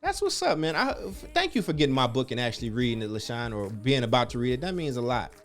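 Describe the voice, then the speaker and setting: Man hosting online happy hour, lively swinging pitch, slangy and emphatic, faint music behind, computer mic. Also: fast. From born in Chicago area, raised in Oakland. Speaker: host of a virtual community happy hour. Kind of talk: casual livestream chat reading comments.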